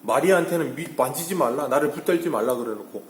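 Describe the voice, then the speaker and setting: A man's voice: a little high, expressive, quick pace, a little hiss or hum. Man preaching in an echoey church. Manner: rhetorical questions, swings between hushed and emphatic. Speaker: pastor. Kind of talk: early-morning sermon. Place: church sanctuary.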